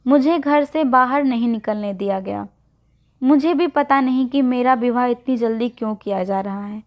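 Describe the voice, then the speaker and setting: A woman storyteller voicing a tearful, resigned young bride in a soft, sorrowful way. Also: a little high, normal speed, lightly acted. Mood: sad. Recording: dull lo-fi recording.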